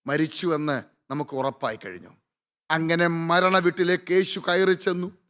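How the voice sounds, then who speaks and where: A man preaching a sermon as a pastor, dramatic, with slow drawn-out emphasis and frequent interjections of praise. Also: high voice, fairly bright tone, clean tone.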